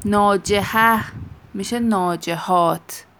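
A woman's voice: medium pitch, fairly bright tone, a little hiss or hum. Lady teacher going over grammar, keeps asking the class stuff and answering it herself, stretches out the example words. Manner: asks rhetorical questions and answers them herself; slow, drawn-out stress on example words.

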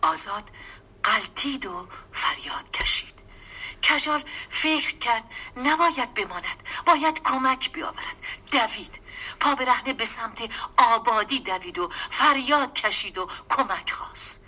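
A woman giving a dramatic storybook reading, often dropping into a hushed, half-whispered voice. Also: on the high side, expressive, husky. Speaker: story reader.

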